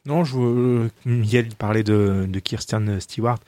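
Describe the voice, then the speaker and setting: A panelist with a low voice picks his words slowly. The sound is dry and close, with no room echo. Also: fairly even intonation, warm tone. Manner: hesitant, searching for words. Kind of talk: casual round-table film talk.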